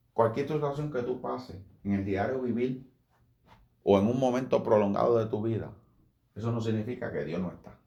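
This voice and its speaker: A man's voice: medium pitch, a little mellow, roomy sound. A man giving an informal sermon, talking conversationally, repeating phrases and calling his listeners brother. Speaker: preacher.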